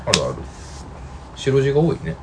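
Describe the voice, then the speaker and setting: A man's voice: mid-range voice, very animated, moderate pace, noisy background. A man with a Kansai accent co-hosting a podcast, teasing his partner and answering with short replies. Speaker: podcast co-host. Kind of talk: casual chat.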